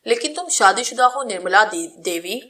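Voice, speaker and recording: A stubborn young man, hurt and aching yet defiant, pressing with questions, as a woman reads him in a storybook. The voice stays bright and clear. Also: on the high side, expressive. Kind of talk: storybook reading.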